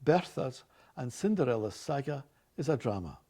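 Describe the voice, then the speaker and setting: Older Glaswegian man with a mellow voice. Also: mid-range voice, big pitch swings, normal speed. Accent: Glasgow Scottish. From Glasgow, Scotland. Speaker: organist. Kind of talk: reading accent sample passages and word lists aloud; casual chat about his own life.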